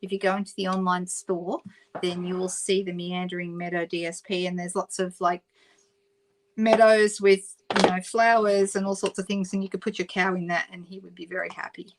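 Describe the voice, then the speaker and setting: A woman's voice: on the low side, flat delivery, normal speed, background noise. A middle-aged Australian woman hosting a live papercraft stream, chatting casually and reading out viewer comments as she works. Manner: chatty, reads out viewer comments, self-correcting. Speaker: craft livestream host. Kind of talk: casual live craft demonstration.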